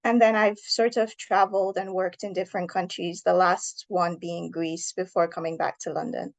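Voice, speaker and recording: A woman's voice: lowish voice, level tone, moderate pace, gravelly. A woman in her thirties, originally from Iran, an author answering interview questions thoughtfully and earnestly.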